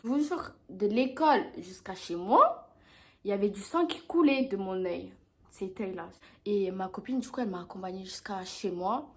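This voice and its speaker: This vlogger is a young woman with a medium-pitched voice and a moderate pace. Talking to camera in a relaxed storytime video, she dramatically retells events and performs the lines people said.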